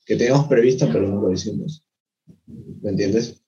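Fairly quick and on the low side, this young man's mellow, slightly rough voice carries a casual, rambling podcast chat he co-hosts. He frequently hunts for the right word and leans on slang, over a dull lo-fi recording.

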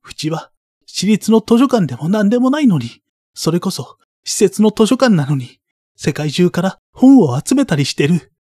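A man's voice: high voice, big pitch swings, normal speed, mellow, no echo, clean studio sound, pitched above the performer's own voice. A man voicing a distressed young boy who demands answers in a raised, pleading voice.

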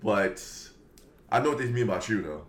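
Lower New York man in a roomy room. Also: a little fast, a little hiss or hum. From New York City. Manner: animated storyteller with frequent restarts and profanity. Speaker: podcast co-host. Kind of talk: casual banter.

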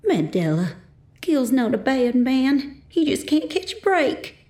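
A woman voicing a crying, defensive mother who talks in a high, quavering, wounded way in a storybook reading. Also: big pitch swings, measured pace, mellow, full character voice. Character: tearful aging mother, defensive.

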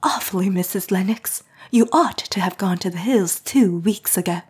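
A woman reading aloud, voicing a young male army officer who speaks in a hushed, trembling voice. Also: mid-range voice, moderate pace, breathy edge. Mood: grave.

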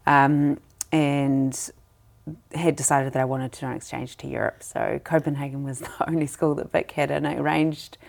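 A woman in her thirties co-hosting a podcast, telling relaxed stories in casual conversation. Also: rumbling low, normal speed, vocal fry. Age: 30s. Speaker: podcast co-host.

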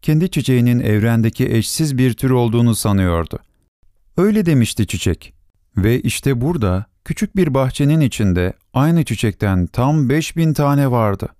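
A man reading a children's story aloud as audiobook narrator, gentle and measured. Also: medium pitch, lively intonation, no echo, studio quality.

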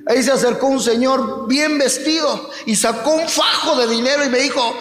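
A middle-aged man, preaching a fervent sermon and often breaking into shouts. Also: very high voice, moderate pace. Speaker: pastor. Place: large church hall. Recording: echoey church hall with music.

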